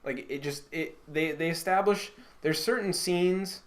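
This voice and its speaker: A man co-hosting a casual podcast chat, rambling and swearing freely, his sentences often trailing off quietly. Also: fairly high pitch, unhurried. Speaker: podcast co-host.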